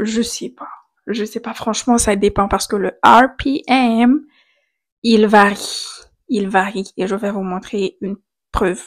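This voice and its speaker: A young woman vlogging casually into a handheld mic at home, chatty and quick to laugh, trailing off and restarting her thoughts. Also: medium pitch. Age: young adult. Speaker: content creator. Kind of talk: casual vlog chat. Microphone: handheld microphone.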